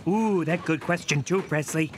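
A man voicing a friendly, dim-witted muscular young jungle man in a cartoon, speaking childlike broken sentences with naive excitement. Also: a little high, moderate pace, background noise, lightly acted. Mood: puzzled, earnest. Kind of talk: animated cartoon acting. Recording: loud cartoon music behind.

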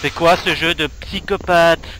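A man's voice: a little high, steady tone, unhurried, music in the background, low-quality recording. A young man giving jittery let's play commentary on a horror game, exclaiming and muttering to himself into a headset. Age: young adult. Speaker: gamer. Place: small room at home.

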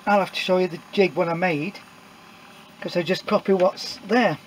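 Recorded on a camera mic as he films his own hands from off-camera, a middle-aged DIY maker rambles plainly through his homemade workshop build, with many uhs and restarts. His voice sits high, with a steady tone and moderate pace, and the rough recording has a bit of hiss or hum.

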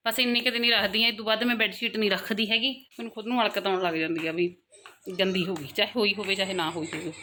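A young mother records a daily vlog at home, chatting casually with her viewers in loose, long run-on sentences. Her mid-range voice has a sharp tone, and the audio carries a slight hiss or hum.

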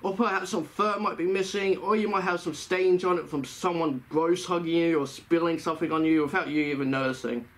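A man's voice: a little high, fairly even intonation, a little fast, few pauses. A man giving casual tips to the camera, talking through a costume head in a chatty, rambling way that often corrects itself. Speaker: fursuit vlogger.

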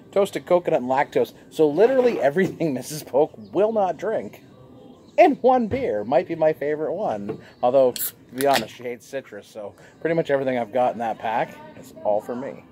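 A jovial, chatty man reviews a beer for his vlog on a sunny outdoor patio, gesturing animatedly. His mid-range voice moves at normal speed, picked up by a fixed camera across the table with slight background noise.

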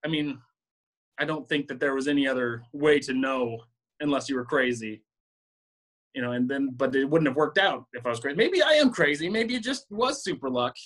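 A man's voice: medium pitch, a little fast, a bit bright, low-quality recording. A man being interviewed, speaking earnestly and reflectively with frequent hesitations. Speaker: interview guest, stunt double. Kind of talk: casual interview chat.

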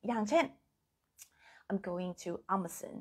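A woman's voice: on the low side, drawn-out words, a little mellow, breathy edge. A Thai woman with a Thai accent giving a casual live-streamed English lesson into a phone camera, chatting and drilling words by repetition.

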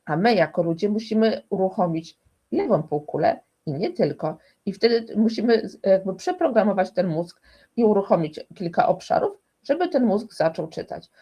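A woman's voice: medium pitch, expressive, moderate pace, warm tone, breathy edge. A woman speaking as a guest expert in a conversational interview, explaining emphatically and restarting often.

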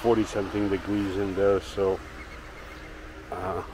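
A woodworking channel owner holds the camera himself as he walks viewers around his backyard garden outdoors and then into his indoor workshop. He rambles in a relaxed, filler-heavy way, his low voice moving at a measured pace. Background noise can be heard.

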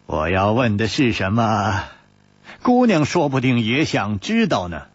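A male storyteller voicing a calm, smiling gallant hero who speaks unhurriedly and courteously. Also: fairly low pitch, a little slow, slightly rough, no echo, full character voice. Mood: amused. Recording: dull lo-fi audiobook recording.

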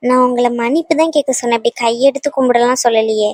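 A woman voicing a caring sister-in-law who reassures a young pregnant woman and gently urges her to eat. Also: on the high side, fairly even intonation, fast, no room sound, natural voice. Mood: reassuring.

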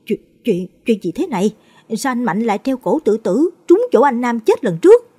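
A stunned neighbor stammers in shock, voiced by a woman storyteller. The voice is husky and swings widely in pitch. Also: big pitch swings, normal speed, warm tone.

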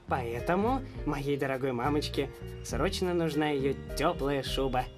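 A scheming young cartoon prankster, played by a man, glib and persuasive. The voice sits at a medium pitch with clear music behind it. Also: expressive, unhurried, natural voice. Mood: glib excuses. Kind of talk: cartoon dub acting.

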